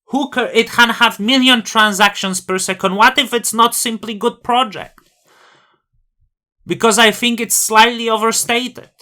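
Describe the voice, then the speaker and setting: Hosting a crypto channel, this man speaks with a noticeable non-native accent and plays up a boastful, grandiose persona, firing off rhetorical questions in a casual monologue on screen. His very high-pitched voice is bright and forceful, unhurried, with fairly even intonation.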